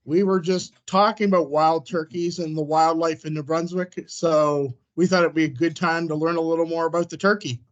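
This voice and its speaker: A man's voice: on the high side, steady tone, normal speed, few pauses, muffled recording. A man chatting casually as a grade-school teacher, speaking from a classroom over a video call. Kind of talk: casual chat.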